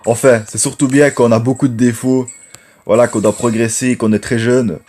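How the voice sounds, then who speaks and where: A man with a low voice giving rambling, chatty gameplay commentary and talking to viewers as friends. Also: fairly even intonation, moderate pace, warm tone, soft background music. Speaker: gaming YouTuber.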